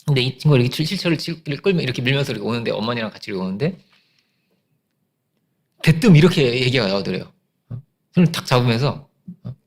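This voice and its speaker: A man preaching a Sunday sermon as pastor, telling a story in an animated way, acting out quoted voices and trailing off into fillers and restarts. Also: medium pitch, fast talker, long pauses, breathy edge.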